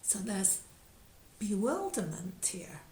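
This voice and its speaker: A woman spiritual teacher telling a story in a soft-spoken, reflective way, halting with pauses. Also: medium pitch, very animated. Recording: echoey room with faint hiss.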